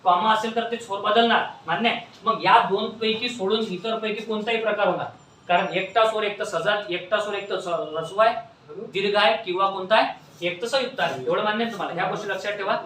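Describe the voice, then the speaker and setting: A man's voice: sits high, fast, a bit bright, a little hiss or hum. A man teaching grammar in a classroom lecture, asking questions over and over and prompting his students to answer back. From Maharashtra, India. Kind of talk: classroom lecture with call-and-response. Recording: echoey classroom from far off.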